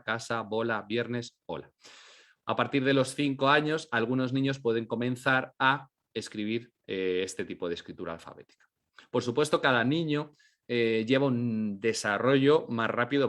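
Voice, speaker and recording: A man at an ordinary, middle pitch gives an explanatory lesson. He poses questions and answers them himself, stretching out syllables slowly to demonstrate them. Now and then he stops to correct himself with a quick apology. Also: a bit bright. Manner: occasional apologetic self-corrections. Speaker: teacher. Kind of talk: educational lecture on literacy.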